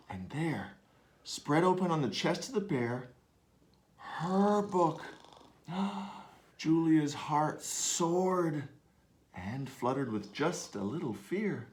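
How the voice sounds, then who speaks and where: A man reading his picture book aloud to children, animated and inviting them to join in. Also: fairly high pitch, slight background noise. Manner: animated, asks listeners to join in. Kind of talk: interactive read-aloud for children.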